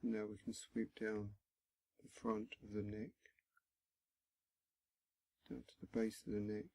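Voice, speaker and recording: A man acting as meditation guide walks through a body scan, gentle and instructive, leaving frequent pauses between short phrases. His low voice is husky and creaky, and his delivery stays completely flat.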